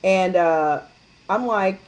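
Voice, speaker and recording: On a casual conference call, a guest distributor with a middle-pitched voice talks frankly about her experience, slowly spinning long stories and slipping into the voices of the people she quotes. Her manner is easy, open, unguarded and chatty. The audio quality is poor.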